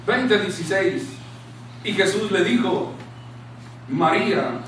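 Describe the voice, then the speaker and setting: A man preaching a sermon in a small church room, impassioned, dropping to a hushed tone when he quotes scripture. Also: very high voice, normal speed. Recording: very echoey room, distant mic, faint hiss.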